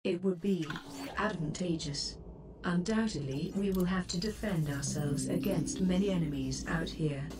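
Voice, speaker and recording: In a game, a woman with a lowish, natural voice plays a composed spaceship computer assistant. She delivers scripted advisory lines formally, with measured, precise phrasing. The game-stream capture sounds slightly distant and noisy.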